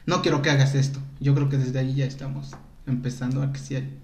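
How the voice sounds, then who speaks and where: A man with a Mexican accent in casual chat, joking and animated, often acting out what others say. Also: mid-range voice, quick pace, a little hiss or hum. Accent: Mexican Spanish. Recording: echoey room.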